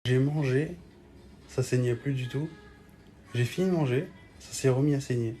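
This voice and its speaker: Jeune Français au parler cru, son bruité. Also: male voice, medium pitch, normal speed, dark tone, a little hiss or hum. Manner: offhand, blunt, swearing. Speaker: vlogger filming stories for followers. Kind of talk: casual chat to camera, slangy.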